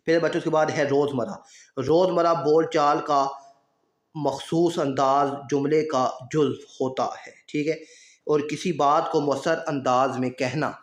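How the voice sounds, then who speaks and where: A man's voice: fairly high pitch, steady tone. Male teacher explaining grammar in an echoey room. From Pakistan. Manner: explains step by step, often checks with "theek hai". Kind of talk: exam-prep grammar lesson.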